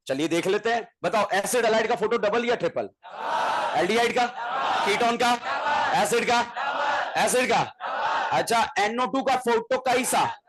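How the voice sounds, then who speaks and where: A man teaching chemistry in a lively exam-prep class, calling out questions and often shouting. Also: high-pitched. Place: classroom with students. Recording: noisy classroom with crowd voices.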